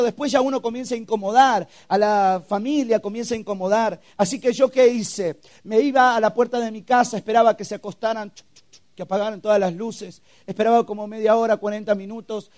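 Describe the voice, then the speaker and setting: A young man preaches to a youth camp. He tells his testimony with sound effects and acted quotes, swinging from loud to hushed. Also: sits high. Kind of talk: testimonial sermon.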